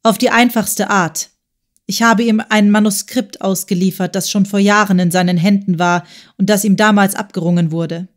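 A woman's voice: medium pitch, steady tone, normal speed, natural voice. A woman voicing a tormented, proud male writer in an audiobook, with an urgent, strained, insistent delivery. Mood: bitter. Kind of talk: audiobook character voice.

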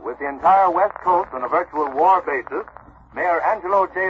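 A man's voice: sits high, a little hiss or hum. A man as a news announcer, reading an urgent wartime bulletin in a formal broadcast voice, like an old newsreel, on a dull 1940s radio recording. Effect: old newsreel-style broadcast bulletin.

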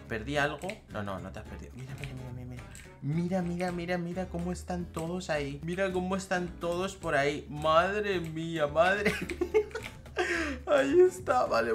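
A young Spanish woman with a Spain accent talks through a game with excitement, laughing often and repeating herself. Her voice is bright and the pitch swings widely. Faint music plays underneath. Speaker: gaming youtuber. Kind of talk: excited gameplay commentary.

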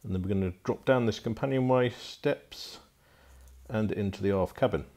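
Acting as a boat broker, a man with a lowish, darkish voice shows off a barge interior at a moderate pace. The tour is casual and unscripted, full of fillers, and filmed on a handheld phone in the wooden cabins.

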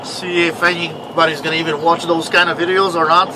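A Canadian man in his thirties, English not his first language and his foreign accent noticeable, vlogs from his truck cab at night, rambling, swearing and poking fun at himself. His voice is a little high and level in tone, his delivery brisk, with background noise behind him.

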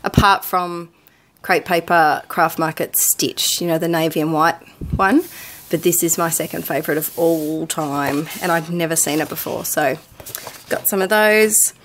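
A woman's voice: low-pitched, fairly even intonation, unhurried, a bit bright, a little hiss or hum. An Australian woman chatting casually in a craft haul video, enthusiastic and full of ums as she shows her purchases. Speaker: craft vlogger.

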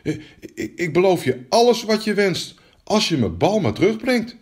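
A man's voice: medium pitch, very animated, moderate pace, close to an everyday voice. A man voicing a spoiled, fearful young princess in a fairy tale, stammering and whiny. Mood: flustered.

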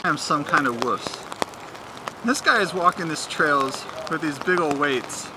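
A man's voice: fairly high pitch, animated, a little slow. Chatty man vlogging outdoors, noisy background. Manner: chatty, jokey, narrating while walking. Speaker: filmmaker documenting a race. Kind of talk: casual vlog narration. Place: outdoors at a rainy race course. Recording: noisy outdoor ambience with traffic.

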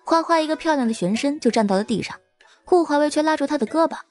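Lively woman audiobook narrator. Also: sits high, fast talker, soft background music. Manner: lively, expressive storytelling.

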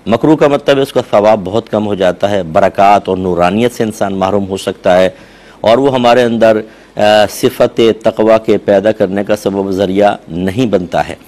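A man's voice, on the low side and a little mellow, moves at a normal speed as this Islamic scholar, nursing a sore throat, earnestly answers religious questions. When quoting people, his voice leaps upward.

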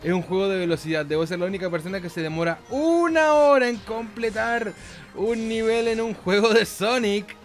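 With a high-sitting voice at a moderate pace, a man speaking with a Chilean Spanish accent commentates on a game for YouTube. He keeps it casual and playful, cracking jokes, cursing, singsonging and making silly noises while video game music plays.

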